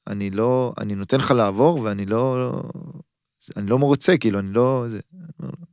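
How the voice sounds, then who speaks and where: A man's voice: medium pitch, a little mellow, clear, resonant tone, no echo, studio quality. A man in his thirties, a footballer guest on a podcast, telling a story casually and acting out both sides of his phone calls.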